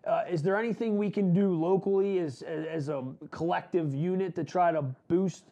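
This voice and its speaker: A man's voice: high-pitched, steady tone, moderate pace, creaky, dark tone. A man in his forties co-hosting a sports podcast, asking a long rambling question. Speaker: podcast co-host. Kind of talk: casual interview chat. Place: studio set with wood backdrop.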